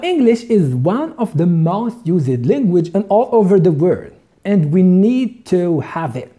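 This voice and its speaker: A man with a Moroccan Arabic accent teaching an English lesson, speaking slow careful English, then rapid Arabic, and repeating words to contrast their pronunciations. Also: sits high, mellow. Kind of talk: language lesson to camera.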